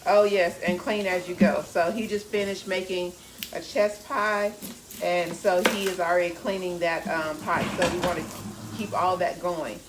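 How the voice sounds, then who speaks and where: A woman's voice: on the low side, steady tone, moderate pace, very noisy. A woman chatting casually in her home kitchen, giving down-to-earth cooking advice while she works. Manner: chatty, gives direct homey advice.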